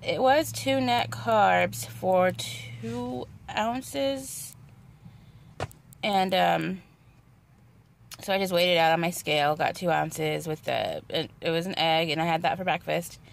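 A woman chatting casually in her home kitchen, rambling with lots of fillers and quick self-corrections as she cooks. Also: fairly low pitch, creaky, slight background noise. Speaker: home cook vlogger. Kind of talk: casual home cooking vlog.

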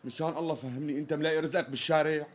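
A man's voice: fairly high pitch, fairly even intonation, racing, close to an everyday voice. A man playing an impatient, short-tempered customer who keeps demanding a price, speaking with a Syrian accent in a TV sketch comedy. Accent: Syrian Arabic. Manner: blunt, increasingly irritated demands. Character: impatient exasperated male customer, quick to anger.

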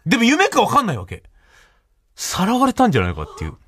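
A man's voice: high-pitched, huge pitch swings, fast talker, a bit bright, a little hiss or hum. A man hosting a radio show, telling a comic story in a solo monologue, laughing often and acting out the voices he quotes.

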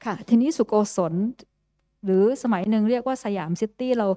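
A woman's voice: on the high side, a little fast, mellow, no room sound, studio quality. A woman giving an informal lecture over slides, talking in a chatty way with many fillers and restarts and dropping English terms into her sentences. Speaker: guest lecturer.

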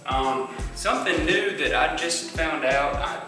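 A man presenting a casual woodworking how-to in a plainspoken, steady way with frequent ums, his voice carrying a big hall-like echo. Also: on the high side, a little slow. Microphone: phone camera mic. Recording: very echoey phone audio from a distance, loud music behind.

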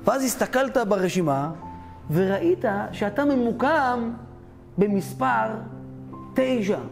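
A man's voice: very high-pitched, gravelly, faint music behind, exaggerated voice. A man voicing a humble, eager young male Torah scholar, talking in a fawning, effusive way, in a storytelling sermon. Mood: knowing. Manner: effusive, fawning, then calmly knowing.

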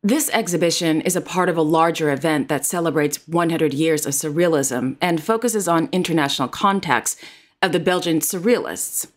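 A woman presenting royal news in a formal, carefully read narration. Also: deep voice. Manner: formal, reads titles and quotes carefully.

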